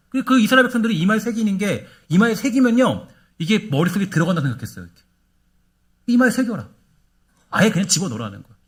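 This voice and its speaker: Animated high-voiced male pastor preaching. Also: breathy edge. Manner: animated preaching with rhetorical questions and repetition. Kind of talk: sermon. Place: church sanctuary.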